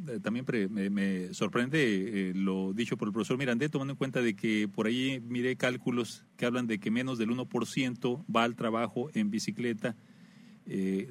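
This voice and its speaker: A man's voice: fairly low pitch, a little hiss or hum. A man hosting a radio talk show, conversational and full of "eh" fillers. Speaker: radio host.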